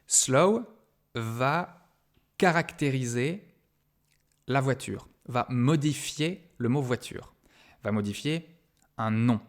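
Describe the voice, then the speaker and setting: A male university lecturer giving a recorded grammar lesson, patient and explanatory, often hesitating with fillers and slowing down to stress key words. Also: mid-range voice.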